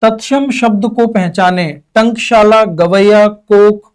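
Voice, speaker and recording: Brief: young male teacher, high voice, quizzes the class and answers in students' voices, drags out key words. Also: slow pace, smooth. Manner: asks questions and answers them in students' voices. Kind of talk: exam-prep Hindi lesson.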